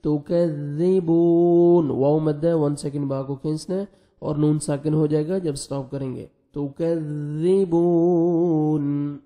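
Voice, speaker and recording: A man teaching Quran recitation whose first language is Urdu. He switches between brisk spelled-out explanation and slow, stretched chanting. His voice is dark and mellow, set a little high, with very little rise and fall. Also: fairly even intonation. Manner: alternates rapid explanation with slow drawn-out recitation. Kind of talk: tajweed lesson, spelling out letters and reciting slowly.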